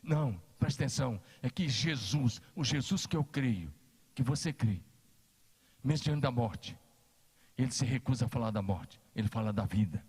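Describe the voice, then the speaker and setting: A man's voice: mid-range voice, husky, long reverb tail. A Brazilian man preaching a sermon as pastor, emphatic and repeating his key phrases. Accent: Brazilian Portuguese. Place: church hall.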